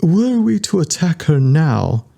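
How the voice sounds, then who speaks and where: A man voicing a polite, precise male robot in a formal, measured way. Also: on the high side, big pitch swings, vocal fry, warm tone, pitched above the performer's own voice, full character voice. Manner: formal, measured, strange electronic tone.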